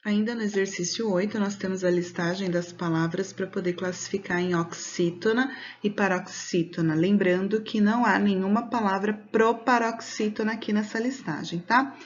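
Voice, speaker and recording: A Brazilian woman, a schoolteacher recording a video lesson for children, speaks at a middle pitch. She explains patiently and step by step, stretching words out slowly so the stressed syllable is clear. The sound is a bit dull, like a simple home recording. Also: fairly even intonation. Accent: Brazilian Portuguese.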